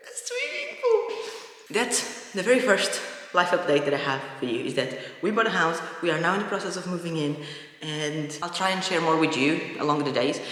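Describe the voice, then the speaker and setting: A woman from Portugal giving a rambling, excitable life update on a mic with a fuzzy windscreen, her voice echoing around an empty new house. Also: lowish voice. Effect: big echo of an empty room. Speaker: vlogger. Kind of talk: casual chatty life update. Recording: echoey bare empty room.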